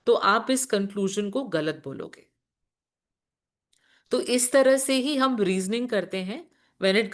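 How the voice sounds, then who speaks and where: A woman teacher giving a lecture on reasoning, explaining patiently, asking questions and answering them herself, and mixing terms into Hindi. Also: medium pitch. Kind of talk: classroom lecture.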